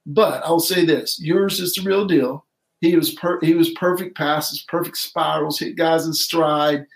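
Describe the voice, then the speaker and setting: A man's voice: on the high side, steady tone, measured pace, creaky. Chatty man in an echoey room. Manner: rambling, self-correcting. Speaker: podcast co-host. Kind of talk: casual sports chat.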